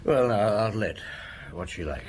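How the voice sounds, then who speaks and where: An actor playing a seasoned, middle-aged French police inspector in a radio drama, ruminative, probing and understated. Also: male voice, fairly low pitch, expressive, measured pace, a little hiss or hum. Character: Maigret, seasoned French police inspector, unhurried and food-loving. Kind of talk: radio drama acting, part narration.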